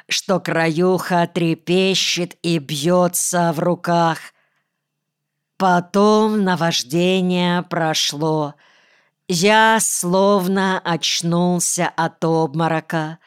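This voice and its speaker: A woman reading a novel aloud as an audiobook narrator, in a measured storytelling manner. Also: fairly low pitch, smooth, dry recording, clean studio sound. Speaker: audiobook reader.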